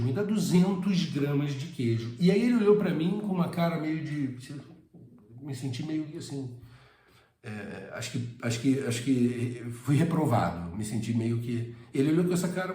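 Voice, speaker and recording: This Rio de Janeiro-accented Brazilian man teaches English in a casual spoken lesson, his voice on the high side, expressive and dark, at a moderate pace. The sound is reverberant, and he hesitates and repeats words often.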